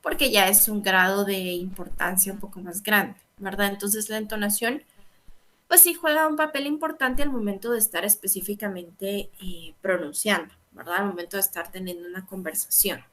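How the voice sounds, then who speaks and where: Bright-voiced woman teaching. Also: medium pitch, fairly even intonation, normal speed. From Guatemala. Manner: explains patiently, asks "¿verdad?" and "¿sí?" constantly. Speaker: English teacher. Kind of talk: online lecture explaining grammar.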